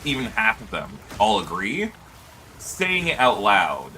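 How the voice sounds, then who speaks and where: A man streaming a game and chatting casually with his viewers. He talks in an animated way into a desk mic, laughs often and breaks into high yelps. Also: a little slow, a little hiss or hum. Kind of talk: casual gaming livestream chat. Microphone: desk microphone.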